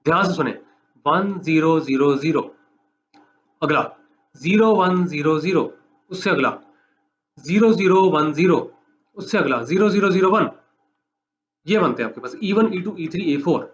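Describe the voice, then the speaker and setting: A man giving a recorded mathematics lecture, walking students through each step, repeating points and dictating slowly for notes. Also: a little high. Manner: explanatory, repeats steps, dictates slowly for note-taking. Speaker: math lecturer.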